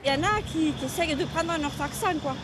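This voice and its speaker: Female vox-pop, high-ish, slow and cheerful, noisy street. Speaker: interviewee.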